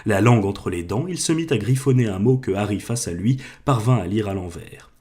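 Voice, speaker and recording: A man narrating a storybook in a calm, measured reading voice. His voice sits a little low. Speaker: audiobook reader.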